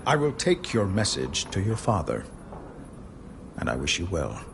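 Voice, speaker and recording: An actor playing a mysterious hooded stranger in a video game, a dutiful guard who speaks in a guarded, formal, courteous way. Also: male voice, deep voice, wildly swooping pitch, measured pace, exaggerated voice. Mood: respectful, resigned. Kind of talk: video game dialogue acting. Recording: clear background noise and ambience.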